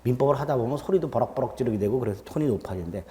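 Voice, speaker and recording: Middle-aged male law lecturer, animated pitch, chatty asides and murmurs, lecture hall with long reverb. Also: racing, a little hiss or hum. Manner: chatty, self-teasing, drops to low murmurs. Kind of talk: classroom lecture with joking asides. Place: lecture room with students.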